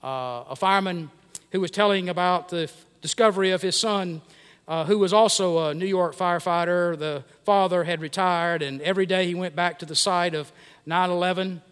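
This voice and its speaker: Slightly high, smooth-voiced preacher in echoing church. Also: male voice, a bit bright. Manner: measured, with many drawn-out "uh" pauses. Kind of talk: sermon. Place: church sanctuary. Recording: long church reverb.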